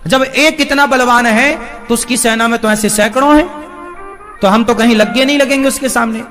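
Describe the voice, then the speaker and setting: A man's voice: extremely high pitch, moderate pace, a bit bright, faint music behind. A man playing a worried demon king addressing his court, in a grave voice, within a devotional storytelling sermon.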